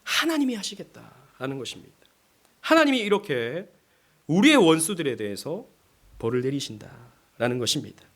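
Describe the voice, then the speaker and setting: A male pastor from South Korea preaching a sermon, acting out quotes with sudden loud rises and hushed drops. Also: a little high, big pitch swings, normal speed.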